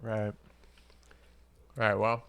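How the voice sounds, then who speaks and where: A man in his twenties co-hosts a casual podcast. His voice is bright and forceful, and he joins in eagerly and laughs along easily. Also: on the low side, completely flat delivery, drawn-out words, creaky, clear, resonant tone. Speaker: podcast co-host. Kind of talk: casual chat.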